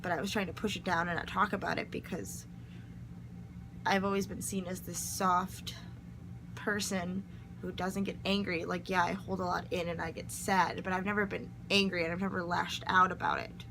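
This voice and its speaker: A woman's voice: mid-range voice, background noise. A young woman, host of her own channel, reading her poetry aloud and then explaining it in casual, reflective chat from her bedroom. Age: young adult. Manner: earnest, reflective.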